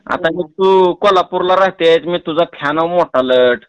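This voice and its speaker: This prank caller, a man from Tuljapur in Maharashtra, India, teases and coaxes playfully in a rural Marathi accent. He has a fairly high, clear, resonant voice at normal speed. The call is recorded close and dry.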